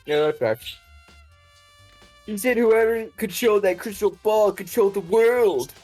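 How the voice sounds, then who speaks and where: A woman's voice: mid-range voice, a little slow, warm tone, soft background music, lightly acted. Woman doing a drawling stoner surfer dude. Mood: rambling. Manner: drawling, peppered with bro and dude. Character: laid-back stoner surfer dude, young man.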